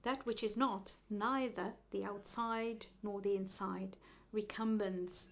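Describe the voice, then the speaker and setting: A woman reading translated poetry aloud at a measured, deliberate pace, with a brief explanatory aside. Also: medium pitch, steady tone. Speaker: poetry reader.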